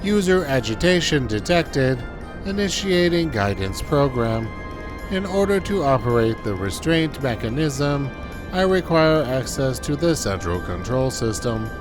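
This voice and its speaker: A man putting on a robot voice for a dutiful male control terminal, speaking in clipped monotone announcements. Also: medium pitch, a little slow, over music. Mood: robotic. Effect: robot voice done by mouth, no filter. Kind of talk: voicing game dialogue while playing.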